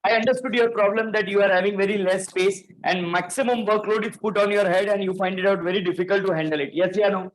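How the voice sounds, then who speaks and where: A man's voice: high-pitched, fairly even intonation, quick pace, hardly any pauses, rough recording. A male teacher giving a classroom lecture, telling a story and often checking that the students understand.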